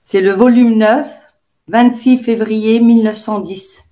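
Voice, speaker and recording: A woman reading a spiritual text aloud to a prayer group in a calm, measured way. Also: fairly high pitch.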